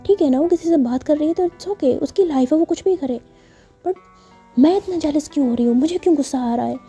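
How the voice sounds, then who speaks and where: A woman's voice: high voice, fairly quick, dark tone, faint music behind, voice pushed up. A woman voicing a jealous, hot-tempered young woman who scolds sharply and sulks. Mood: fretful.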